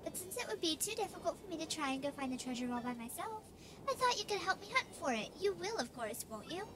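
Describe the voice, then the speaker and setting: A woman's voice: extremely high pitch, very animated, fast, pitched above the performer's own voice. A woman voicing a sweet, polite young princess in a prim, sing-song, sweetly pushy manner while playing a video game. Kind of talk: let's play voice acting.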